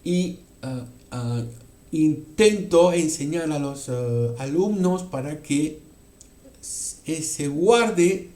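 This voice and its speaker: A man's voice: a little high, animated, drawn-out words, mellow, echoey room. A man teaching a French pronunciation lesson, repeating words aloud several times and often checking in with his students. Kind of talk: explanatory language lesson.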